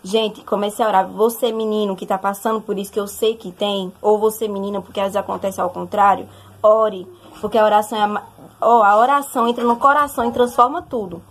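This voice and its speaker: Husky young woman telling her story. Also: mid-range voice, fairly quick. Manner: animated, addresses listeners directly. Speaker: testimony speaker. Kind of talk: casual storytelling testimony.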